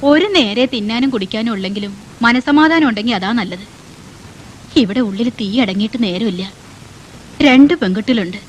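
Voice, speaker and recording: An actress playing a worried, motherly household woman who talks softly and resignedly. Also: a little high, fairly quick, pauses often, a little hiss or hum, lightly acted, poor audio.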